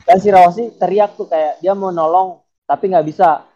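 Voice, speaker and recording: A man's voice: high-pitched, steady tone, normal speed, mellow. A young man co-hosting a casual podcast, talking through a theory step by step with plenty of fillers and restarts. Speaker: podcast co-host. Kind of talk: casual chat. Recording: dull lo-fi podcast audio.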